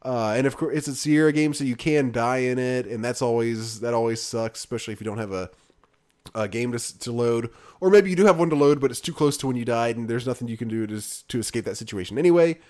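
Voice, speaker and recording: A fast-talking man with a medium-pitched, darkish voice co-hosts a podcast about video games. His chat is casual and rambling, packed with fillers, and often trails off.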